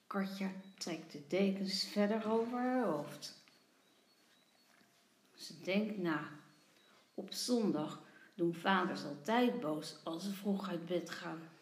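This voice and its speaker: A woman kindergarten teacher reads a picture book to young children. Her voice climbs and dips with lively expression at an unhurried pace. The recording has a roomy echo. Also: mid-range voice. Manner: expressive storytelling. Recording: roomy, echoey sound.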